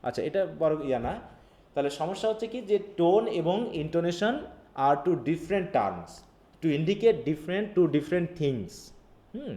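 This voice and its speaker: A man's voice: fairly high pitch, very animated, takes it slowly, warm tone. A man teaching a live online linguistics class. He reads lines from a text, then explains them in a casual teaching style. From Bangladesh. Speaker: English literature teacher.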